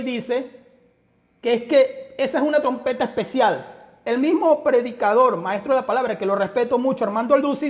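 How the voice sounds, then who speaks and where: A Bible teacher giving a study lecture, emphatic and full of rhetorical questions, often addressing listeners as brother. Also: high-pitched. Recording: long hall reverb.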